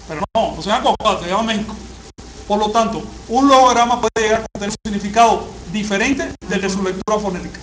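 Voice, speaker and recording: A man teaching a classroom lecture, often asking the class questions and pausing on fillers. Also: sits high. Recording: echoey room, faint hiss.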